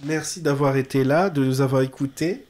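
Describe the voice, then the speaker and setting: A man's voice: mid-range voice, a little fast, darkish tone. A man co-hosting a casual podcast, chatting, laughing often and closing the episode. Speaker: podcast co-host.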